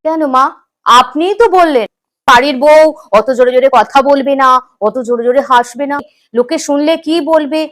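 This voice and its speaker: A woman's voice: high-pitched, moderate pace, natural voice. A woman playing a cheeky young daughter-in-law. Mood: defensive. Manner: cheerful, then innocently defensive. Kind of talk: comic family sketch.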